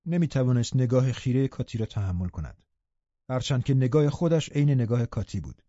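A man narrating a novel as an audiobook with expressive, measured reading. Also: medium pitch, no echo, highs cut off. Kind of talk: scripted storybook narration.

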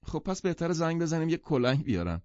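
A man voicing a restless, moody young society woman who speaks in sharp complaints, in a storybook reading. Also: a little high, very animated, no echo, voice pushed up. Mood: petulant. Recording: dull lo-fi audiobook sound.

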